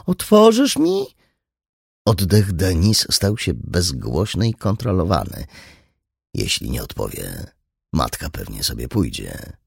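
Deep raspy guy reading an audiobook, really animated, lots of gravel. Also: unhurried, no room sound, studio quality. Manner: expressive, dramatic reading. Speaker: audiobook narrator. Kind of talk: scripted narration.

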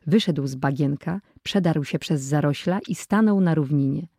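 A narrator reading a children's adventure audiobook in a steady storytelling manner. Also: mid-range voice, normal speed, creaky, breathy edge, no room sound, studio quality.

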